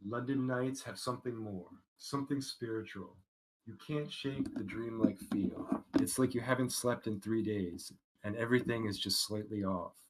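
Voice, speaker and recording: A man's voice: lowish voice, poor audio. Man narrating as game master. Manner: reads scene text slowly and evenly.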